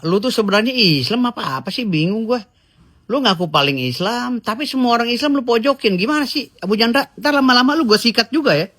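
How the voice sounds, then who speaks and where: A man's voice: sits high, a bit bright. A man delivering a heated, scolding rant straight to the camera. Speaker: commentator. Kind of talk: angry video rant.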